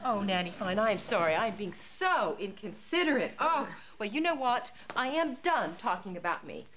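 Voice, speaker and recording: A middle-aged actress playing an anxious, self-absorbed, dramatic bride in a sitcom. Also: female voice, medium pitch, big pitch swings, moderate pace, lightly acted. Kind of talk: broad sitcom acting. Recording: very noisy sitcom soundtrack.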